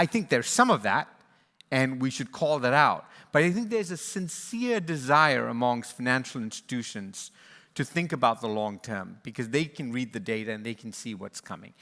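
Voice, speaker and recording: A man moderates a panel and offers closing remarks, earnest and reflective, often restarting his sentences. Born in Sri Lanka and raised in East and West Africa, he heads a conservation charity; his mid-range voice is bright and forceful, trailing a long reverb.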